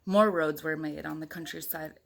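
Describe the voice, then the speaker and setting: Her low, gravelly voice is a bit bright, steady in tone, and at a normal speed. A mother reading a picture book to young children and viewers, she keeps things casual with asides and questions, just as you'd talk to little ones.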